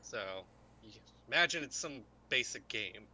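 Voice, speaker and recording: A man's voice: mid-range voice, animated, moderate pace, sharp tone, a little hiss or hum. A man narrating as game master in a casual, rambling way.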